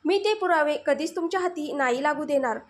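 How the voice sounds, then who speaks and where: A wounded mother forces out urgent, gasping words to protect her child. A woman performs her. The voice rides high in this spoken storybook. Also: brisk, close to an everyday voice. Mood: fierce defiance. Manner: urgent, gasping, pleading then fierce.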